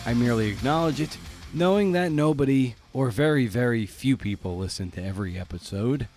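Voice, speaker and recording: This solo podcast host has a mid-range, darkish voice and speaks fairly quickly over soft background music. His casual monologue with announcements is peppered with wry, playful, slangy, self-deprecating asides.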